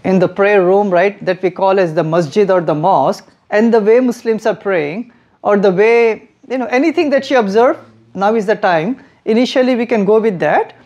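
A man's voice: high-pitched, moderate pace, a little mellow, dull audio. A young man from India, guiding visitors at a mosque and explaining to them in a friendly, explanatory way, often laughing. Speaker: mosque guide and educator. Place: mosque hallway, then classroom.

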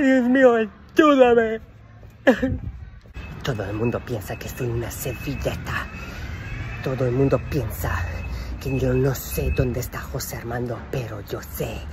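A man's voice: mid-range voice, unhurried, pauses often, darkish tone, natural voice. A man playing a desperate, melodramatic telenovela mother searching for her son, wailing in broken Spanish outdoors on a noisy street. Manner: overwrought soap-opera wailing, broken Spanish. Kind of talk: telenovela parody. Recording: noisy street with passing vehicles.

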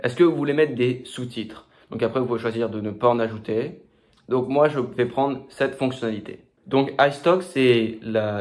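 A man hosting a screen-recorded software tutorial, talking casually with many fillers and restarts. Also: medium pitch. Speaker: tutorial host.

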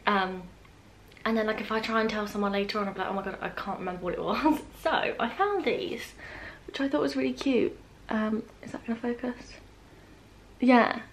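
A British woman in her twenties vlogs from an indoor open-plan living room at home, chatting casually to camera during an unboxing and drifting into little asides. Her voice is a little high, steady and moderately paced, with slight background noise.

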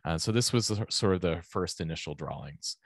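A low-voiced man walks through design sketches for a talk, loose and easygoing, full of ums and uhs. His voice is recorded dry and close. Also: fairly quick, vocal fry, no echo. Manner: relaxed, explanatory, many fillers. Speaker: type designer presenting. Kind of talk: casual conference presentation.

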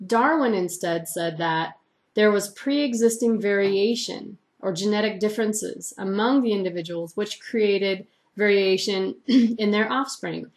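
A woman's voice: mid-range voice, measured pace. A woman teacher giving a recorded lecture, reading largely from her own typed notes in an explanatory way.

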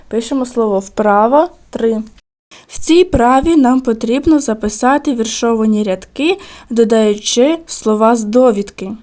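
A woman teacher walks young children through a recorded lesson, stretching words slowly and clearly so they can hear every syllable. Her voice sits a little high but has a soft, mellow tone. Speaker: primary school teacher. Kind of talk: recorded video lesson for second graders.

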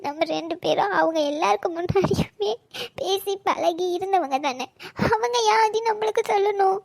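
A woman's voice: very high voice, brisk, a little mellow, dry recording. A woman voicing a sulky, fierce young wife in a cartoon drama, reproachful and close to tears. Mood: tearful, reproachful. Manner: teasing then tearful, reproachful.

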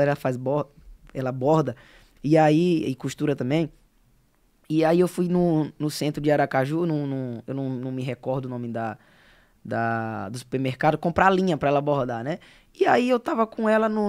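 A man's voice: fairly high pitch, a little fast. A young man from Sergipe, Brazil, a singer telling stories as a podcast guest with lots of fillers. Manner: animated storyteller, filler-heavy. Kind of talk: casual interview chat.

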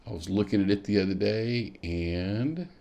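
Speaking at normal speed in a fairly low, creaky, mellow voice, a kayak fishing show host takes viewers through a map on screen. He muses aloud with hmms between clicks in this tutorial walkthrough.

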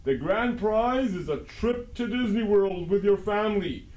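A man playing a theatrical school principal who makes grand announcements in a booming prize-announcer manner. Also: expressive, a little slow, darkish tone. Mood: grand, commanding. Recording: echoey, noisy school announcement.

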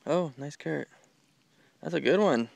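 Filming a garden tour while walking, a father quizzes his kids on plant names and cheers on their answers in a casual, curious way. His voice is fairly high, expressive, and at normal speed, with some vocal fry, recorded on a handheld camera outdoors at home.

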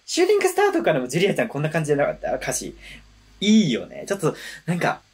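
A woman hosting a reaction video, chatting casually and explaining song lyrics in an animated, talkative way. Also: low-pitched, rapid-fire, breathy edge. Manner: chatty, animated, switches between explanation and excited comments.

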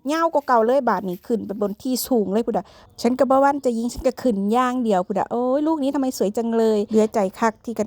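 A woman's voice: fairly high pitch, a little mellow, no echo. A woman with an Isan accent, narrating a farm vlog in a chatty, playful way with frequent exclamations. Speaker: vlogger.

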